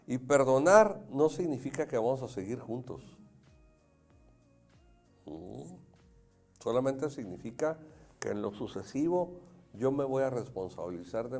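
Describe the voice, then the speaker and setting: A man's voice: mid-range voice, gravelly, a little mellow. A middle-aged man from Jalisco with a Mexican accent, hosting a talk show and telling stories earnestly to the audience. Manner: anecdotal, earnest, addresses audience. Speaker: host. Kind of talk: casual talk show chat.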